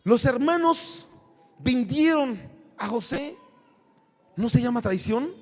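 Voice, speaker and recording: High-voiced Mexican pastor preaching loudly. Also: male voice, expressive, slow pace, in a large hall. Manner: impassioned preaching, swings from shouts to low asides. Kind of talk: sermon. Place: church sanctuary.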